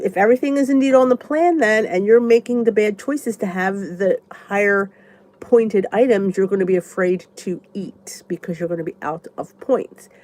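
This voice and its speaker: With a medium-pitched voice that's a little mellow, this congested woman vlogger chats her way through viewer comments in a casual live session. She rambles and thinks out loud.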